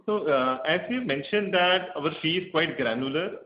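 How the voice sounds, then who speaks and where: A man's voice: a little high, lively intonation. Man on speakerphone in an echoey room. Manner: measured, stops to restart with many fillers. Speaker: bank executive answering analyst questions. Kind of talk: earnings conference call. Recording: echoey, dull speakerphone audio with faint hiss.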